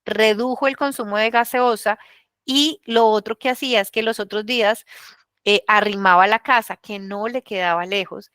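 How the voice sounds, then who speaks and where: A woman leading a virtual financial education workshop, speaking colloquially and telling lively anecdotes. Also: mid-range voice, normal speed, clean tone, no echo. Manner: colloquial, animated storytelling.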